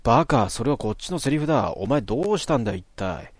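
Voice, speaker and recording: A man voicing a blunt, rough-talking young man in a horror game, with a gruff, curt manner. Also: medium pitch, animated, fast talker, no room sound.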